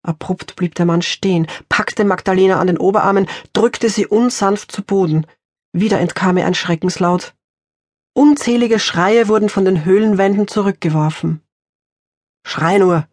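Breathy woman narrating a crime thriller. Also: on the low side, darkish tone, no echo, clean studio sound. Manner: measured, tense dramatic reading. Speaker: author reading her own novel. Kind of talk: scripted audiobook narration.

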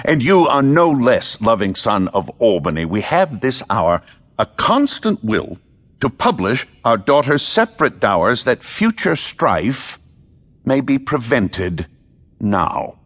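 A man's voice: mid-range voice, big pitch swings, slow, fairly bright tone, full character voice. An actor playing an old king, grand and commanding yet doting, in a theatrical Shakespearean audio drama. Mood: regal, amused. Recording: long hall-like reverb.

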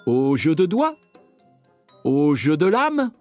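A man's voice: a little high, wildly swooping pitch, slow pace, darkish tone, soft background music, full character voice. A man doing a fussy, punning prince. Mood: cheerful. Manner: wordplay-laden, exclaiming. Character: fussy pun-mangling prince, man, hot-tempered.

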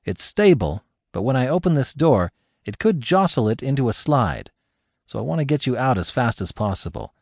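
A male narrator voicing a big, steady firefighter who talks calmly and firmly to reassure someone. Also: medium pitch, normal speed, no echo, studio quality. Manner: calm, firm, reassuring.

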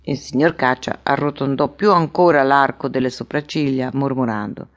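A woman's voice: very deep voice, normal speed. Woman narrating a novel expressively. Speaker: audiobook narrator. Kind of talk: audiobook narration.

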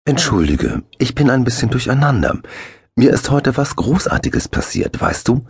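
A man voicing an overjoyed, tousled new father who babbles excitedly. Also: medium pitch, normal speed, gravelly, breathy edge, no echo, studio quality, pitched above the performer's own voice, full character voice.

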